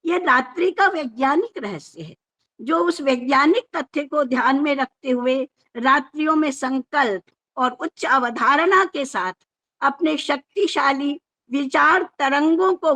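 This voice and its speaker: A woman giving a formal, measured lecture on scripture, explaining step by step and sometimes restarting words. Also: sits high, a bit bright.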